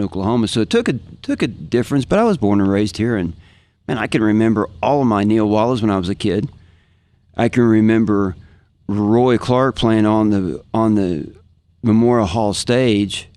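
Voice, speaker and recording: Recorded with no echo, this fairly low, darkish voice belongs to a professional guitarist from Kansas appearing as a guest on a casual podcast. With an American accent, he reminisces enthusiastically and tends to repeat phrases for emphasis.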